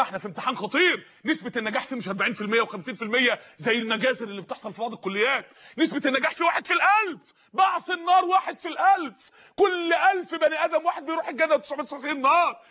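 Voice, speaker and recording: A man with an Egyptian Arabic accent preaching an impassioned sermon, often shouting and pleading with his listeners. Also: very high-pitched, dull audio.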